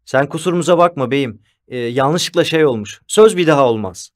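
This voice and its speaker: A man's voice: a little high, animated, fairly quick, close to an everyday voice. A man voicing a sly, fawning male school canteen keeper who stammers and apologizes, in an audiobook. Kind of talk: audiobook character voice.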